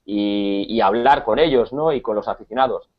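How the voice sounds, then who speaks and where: A man from Spain with a Spanish accent, teaching a conversational Spanish lesson, pausing often with repeated words and fillers. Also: on the low side, muffled recording.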